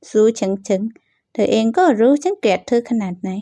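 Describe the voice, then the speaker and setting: A woman's voice: medium pitch, very animated, moderate pace, gravelly, dark tone, dry recording. A woman voicing a scheming, spiteful young woman who bullies her classmates, talking in a smug, sing-song, taunting way.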